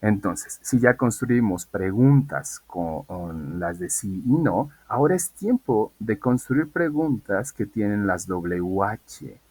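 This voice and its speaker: Husky-voiced guy teaching english online, dry close sound, patient, keeps asking the class stuff. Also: lowish voice, lively intonation, takes it slowly, hardly any pauses, a little mellow, dry recording. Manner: explains patiently, asks students questions.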